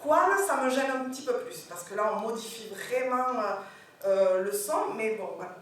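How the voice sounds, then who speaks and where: A woman's voice: on the high side, moderate pace. Woman lecturing in an echoey hall. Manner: animated, corrects pronunciation, asks the audience questions. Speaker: French teacher giving a lecture. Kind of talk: lively classroom lecture. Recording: echoey hall from far off, faint hiss.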